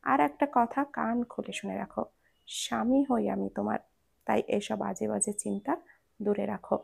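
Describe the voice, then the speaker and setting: Lady reading as a stern husband, gravelly voice, bossy and teasing, kinda quiet. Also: mid-range voice, fairly even intonation, moderate pace. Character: stern commanding male minister, teasing husband.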